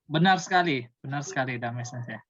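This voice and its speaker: A woman's voice: very deep voice, fast, fairly bright tone. A woman casually hosting an online talk. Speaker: host. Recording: dull, dry online-call audio.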